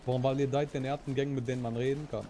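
A man playing a fast-talking gang member. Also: medium pitch, flat delivery, warm tone, a little hiss or hum, close to an everyday voice.

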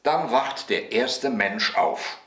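A man voicing a golden rooster on a church tower, calling down slowly, in a bedtime story reading. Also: medium pitch, fairly bright tone. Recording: roomy echo.

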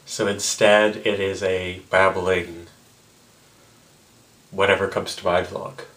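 A tipsy man in his twenties rambling casually to camera, halting and repeating himself with mock-indignant asides. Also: low voice, little pitch movement, a bit bright. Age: 20s. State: tipsy from drinking. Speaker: vlogger. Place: small indoor room with block wall, seated close to camera.

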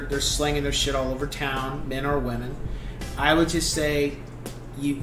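Man musing in an echoey room. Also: medium pitch. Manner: halting, thoughtful, many restarts. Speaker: album reviewer. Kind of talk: casual spoken album review. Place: small home room, seated indoors.

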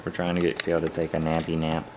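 A man's voice: extremely low pitch, fast talker. A young man casually rambling through a home and car vlog, full of fillers. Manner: rambling, relaxed, filler-heavy. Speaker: vlogger. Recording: noisy home video, car noise.

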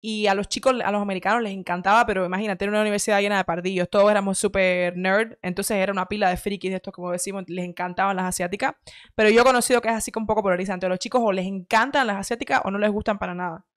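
In a home studio room with shelves, a host reacts to clips using a headset and a studio mic on an arm. She is a woman in her thirties from Cuba with a light Cuban Spanish accent, and her casual commentary is rapid, chatty and opinionated, peppered with self-corrections. Her voice is medium in pitch with fairly even intonation, and the recording is dry.

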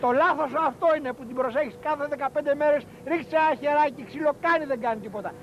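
An actor playing a smooth-talking, scheming professional false witness who haggles persuasively. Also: male voice, very high voice, dull audio, slight background noise. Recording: roomy 1980s film soundtrack.

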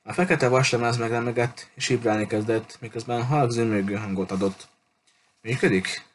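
A man reading a children's novel aloud in an unhurried storytelling manner, with small restarts. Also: mid-range voice, steady tone, slight background noise. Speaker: audiobook reader.

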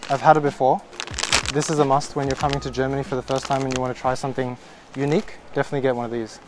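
A man speaking through a face mask in a supermarket, chatting casually and curiously as he shows products to his viewers. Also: fairly high pitch. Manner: chatty, curious, explaining as he browses. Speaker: vlogger. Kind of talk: casual walk-and-talk vlog. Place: indoors in a supermarket.

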